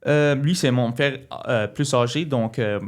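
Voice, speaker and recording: A young man in an interview. He talks earnestly and often stops to restart a sentence. His voice sits at an ordinary middle pitch. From Quebec. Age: 20s. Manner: earnest, halting with many restarts. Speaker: interview guest. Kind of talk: casual interview talk.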